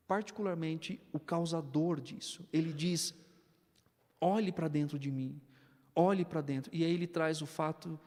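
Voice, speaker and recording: A Brazilian man in his thirties preaching from a church pulpit, animated and storytelling as he voices his family members. His voice sits a little high for a man, and a long church-hall reverb trails every phrase. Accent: Brazilian Portuguese. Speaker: pastor. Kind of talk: sermon with personal anecdotes. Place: church sanctuary, indoors.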